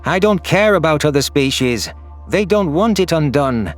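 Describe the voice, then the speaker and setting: Narrating a scripted sci-fi audio story, a man speaks in the first person as an anguished, guilt-ridden alien. His voice is fairly high and animated at a normal pace, with faint music behind him.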